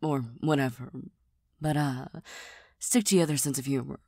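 A woman playing a tired, serious young cat girl who doubts herself, in a soft, breathy ASMR role-play with a deadpan, gently teasing manner. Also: extremely low pitch, normal speed, dry recording, studio quality. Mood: dry, doubting.

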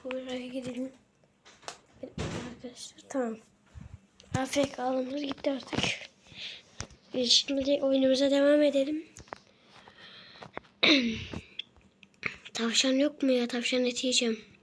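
A high, girly gamer voice, as a man puts it on, excitable and quick to curse at the game. It chatters straight to viewers in loose gameplay commentary, with a faint hiss underneath. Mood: playful. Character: girly female voice put on by a male gamer. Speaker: gaming streamer.

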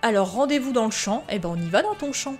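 A woman's voice: on the high side, expressive, quick pace, faint music behind. A woman casually commentating a farming game, chatting straight to her viewers and reading the game's prompts aloud. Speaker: gaming video host. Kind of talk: casual let's-play commentary.

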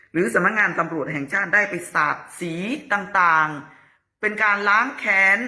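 Bright-voiced woman giving opinionated commentary. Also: on the low side. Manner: chatty, opinionated, asks pointed questions. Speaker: political news commentator. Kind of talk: casual news commentary.

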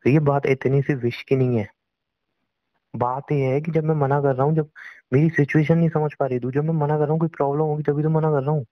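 A man's voice: fairly high pitch, fairly even intonation, fairly quick, no echo, close to an everyday voice. A young man playing a frustrated boyfriend who tries to reason with his girlfriend on a phone call in a scripted drama. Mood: exasperated. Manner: exasperated, pleading, reasoning. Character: frustrated young boyfriend, defensive but trying to stay calm. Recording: dull, dry lo-fi recording.

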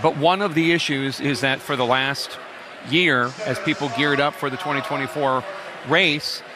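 A male television commentator offers calm political analysis at an even, middling pitch. He takes his time and pauses between thoughts. The clip carries clear background noise.

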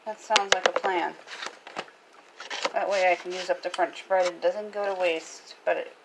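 A woman's voice: lowish voice, fairly even intonation, normal speed. A middle-aged woman casually narrating her morning kitchen chores in a homey, chatty way, filmed on a phone propped in a small home kitchen. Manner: chatty, homey, talks while working. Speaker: homemaker vlogger. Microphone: phone camera propped on the counter. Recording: loud kitchen noise, phone mic. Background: running water and clattering dishes.

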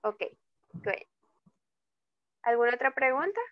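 Slow-spoken woman tutor on a call. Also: a little high, animated, no room sound, dull audio. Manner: slow, drawn-out example words, frequent checking "¿ok?". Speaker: English tutor. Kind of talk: online class explaining grammar in Spanish. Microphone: video call.

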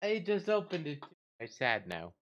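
A man's voice: fairly high pitch, huge pitch swings, moderate pace, a bit bright, highs cut off. A very drunk man streaming a game, chatting casually in a slurred, emotional, whiny and weepy way. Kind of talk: casual livestream chat over gameplay. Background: game audio and music.

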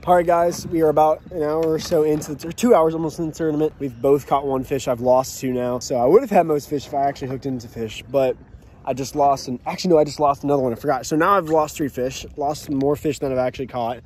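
A young man hosting a fishing vlog from a small boat on a lake, chattering excitedly into an action camera. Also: fairly high pitch, fast. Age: young adult. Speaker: fishing channel host. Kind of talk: casual outdoor fishing vlog. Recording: outdoor boat audio with faint noise.

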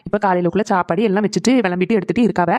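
A woman's voice: on the low side, fairly even intonation, a little mellow, no room sound, lightly acted. A woman voicing a doting, tearful father in a cartoon, fussing over his daughter. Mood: informative. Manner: fast, fussing and emotional. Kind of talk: cartoon voice acting.

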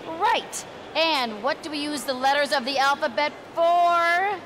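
A woman's voice: sits high, a little slow. A woman interviewer putting questions to children and confirming their answers. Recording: noisy public space ambience.

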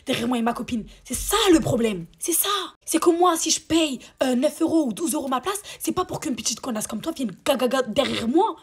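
A woman telling a storytime to camera, animated and crude, with slang, swearing and exasperated asides. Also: high-pitched, brisk, few pauses, slightly rough. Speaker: storytime vlogger.

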